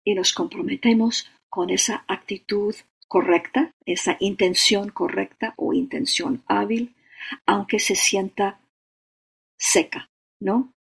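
A meditation teacher giving a dharma talk and leading a guided meditation, slow and halting, often checking in with short tag questions. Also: medium pitch, steady tone, creaky, breathy edge. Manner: slow, halting, with frequent "¿no?" and "o sea".

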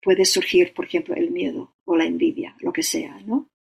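A meditation teacher giving a dharma talk and leading a guided meditation, slow and halting, often checking in with short tag questions. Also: mid-range voice, animated, vocal fry, husky. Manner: slow, halting, with frequent "¿no?" and "o sea".

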